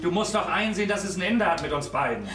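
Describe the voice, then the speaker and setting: An actor playing an exasperated, blustering young lodger in a stage comedy, heard from afar on an echoey stage. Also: male voice, high-pitched, lively intonation, quick pace, recorded from a distance, noisy background. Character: exasperated young lodger trying to end an affair. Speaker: Fred, furnished-room lodger.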